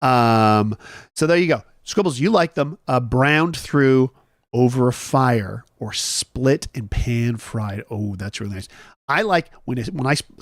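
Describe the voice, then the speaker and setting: A man's voice: mid-range voice, dry recording. Chatty, rambling man on a dry mic. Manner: rambling, chatty, jokey asides to viewers. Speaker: host. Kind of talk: casual morning chat with live chat.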